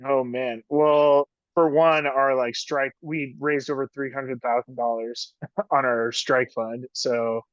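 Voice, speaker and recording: Speaking slowly in a medium-pitched, fairly even voice, the ski patroller and union officer chats loosely in an interview, laughing a lot and leaning on fillers. The call audio is lo-fi, dull and dry, with no room sound.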